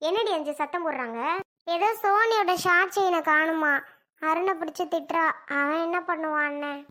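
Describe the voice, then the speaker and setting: A woman's voice: extremely high pitch, normal speed, pushed and bright. A woman playing a worried mother who scolds and soothes her quarreling family. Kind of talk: family comedy skit acting.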